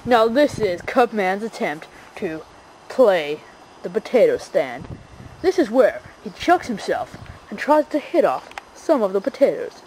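A woman doing excitable mock-announcer commentary on a home video, breaking into frequent shrieks. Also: medium pitch, measured pace, slight background noise, low-quality recording. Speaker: stunt commentator.

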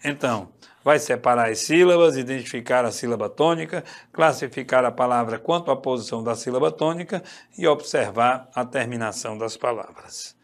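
A man's voice: medium pitch, fairly quick. A man teaching an online exam-prep Portuguese class, emphatic and repetitive, often checking in with his students. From Brazil. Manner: emphatic, repeats key points, asks "tá certo?".

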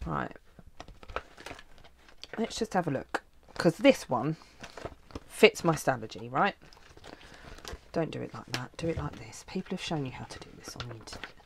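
A woman's voice: very deep voice, animated, moderate pace, vocal fry, pauses often, slight background noise. A woman, a planner vlogger, chatting casually and swearing freely as she talks through setting up her planner at her crafting desk.

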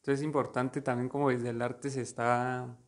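A man from Colombia talking about art in a measured, explanatory way during a casual studio conversation. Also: mid-range voice, little pitch movement.

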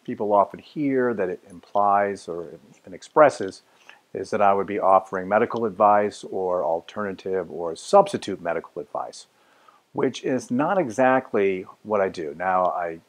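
A man in his sixties introducing his course in a measured, explanatory way, filmed in a large meeting room. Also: fairly low pitch. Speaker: course teacher. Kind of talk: direct-to-camera introduction.

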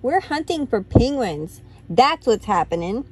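A woman voicing a band of rough, greedy male hunters in a picture-book reading, chanting in growly voices. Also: on the high side, very animated, unhurried, exaggerated voice, poor audio. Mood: gruff.

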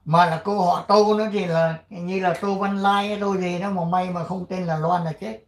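An older man from Vietnam hosting his channel, chatting casually and reading an article aloud, rambling with many fillers and frequent throat clearing. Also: high-pitched, fairly even intonation, moderate pace, echoey room. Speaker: channel host.

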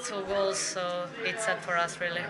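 A young woman footballer from Serbia with a Serbian accent, answering post-match questions in halting non-native English with small laughs. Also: fairly low pitch, little pitch movement, a loud crowd, low-quality recording. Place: indoors by a brick wall after a match. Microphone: handheld mic on a stand near the chin.

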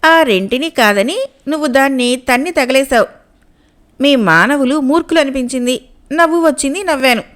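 A knowing young sea maiden from a storybook, as a woman reading the tale puts her on. The voice is high and sits up in the head, calm and unhurried as she states hard truths without fuss. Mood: knowing, scornful.

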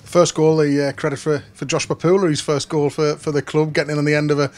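A man interviewing a football manager after a match for the club's media channel, asking brisk, prepared questions. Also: fairly high pitch, flat delivery, a little mellow.

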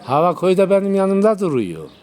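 A man's voice: high voice, sing-song, a little fast, darkish tone. A man in casual chat, putting short questions and answers. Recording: noisy recording with ambient sound.

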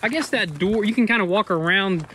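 Fast-talking excitable guy outdoors. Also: high-pitched, slight background noise. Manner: excitable, quick, agreeing banter. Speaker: co-host building a metal barn. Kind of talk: casual on-site chat. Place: outdoors at a construction site.

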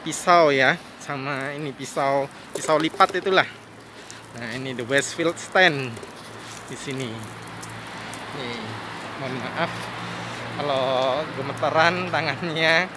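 A man in his thirties chatting casually as he walks and films outside a stadium on a handheld phone, musing aloud with many fillers. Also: mid-range voice. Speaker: vlogger. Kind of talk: casual walking vlog. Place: outdoors by a stadium. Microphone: phone held at arm's length. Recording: noisy outdoor phone recording. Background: street ambience and passing cars.

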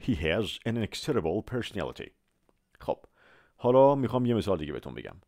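A man with a low voice teaches English words in a Persian-language lesson. His voice swings animatedly, and he stretches out each example so listeners can repeat it. The sound is dry and close to the mic. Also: sing-song, a little mellow, dry recording. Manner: slow, drawn-out model pronunciations of English words; repeats words and asks listeners to say them after him.

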